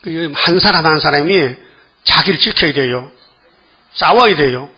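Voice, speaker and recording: A man's voice: on the high side, expressive, measured pace, bright, forceful tone, husky. An older man preaching a sermon to a congregation, firing rhetorical questions at his listeners over and over.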